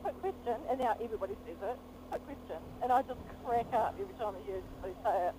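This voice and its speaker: A woman's voice: fairly high pitch, rapid-fire. A woman with a broad New Zealand accent chatting casually and playfully in slang, often repeating her phrases. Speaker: motorbike travel vlogger, passenger. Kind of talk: casual chat. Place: outdoors on a moving motorbike. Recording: noisy vehicle ride, motorbike helmet audio. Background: engine and road noise.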